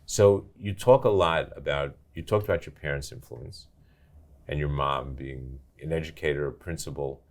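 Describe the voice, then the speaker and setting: A man's voice: extremely low pitch, normal speed. An older man hosting an interview, asking questions and reacting with enthusiastic exclamations. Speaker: podcast host. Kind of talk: interview conversation.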